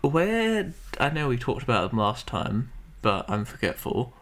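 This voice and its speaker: A man's voice: mid-range voice, sing-song, measured pace, fairly bright tone. A man co-hosting a casual podcast, asking curious questions and tossing in jokes. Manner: curious, asks questions, joking asides. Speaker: podcast co-host. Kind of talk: casual chat.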